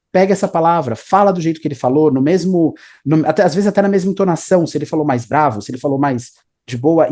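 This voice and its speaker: A man's voice: a little high, mellow. A man, an English teacher explaining study tips in a casual interview, often adding "né?" and "tá?". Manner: explanatory, repeats 'né?' and 'tá?'.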